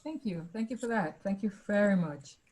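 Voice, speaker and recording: A woman moderating a webinar, quietly thanking speakers and introducing the next one over a video call. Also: medium pitch, animated, moderate pace. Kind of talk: hosting announcements.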